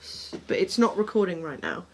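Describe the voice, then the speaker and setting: A woman's voice: on the low side, big pitch swings, a little fast. A woman working as a paranormal investigator, talking informally as she tries out phone apps. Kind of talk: casual chat while testing phone apps. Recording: clear background noise.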